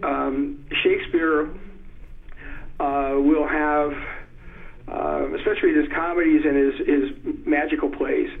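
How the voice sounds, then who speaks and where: A man speaking as a poetry expert in an interview, thoughtful and hesitant with many pauses, reciting verse slowly with stressed beats. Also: a little high, steady tone, gravelly. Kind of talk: conversational interview. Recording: tinny phone line.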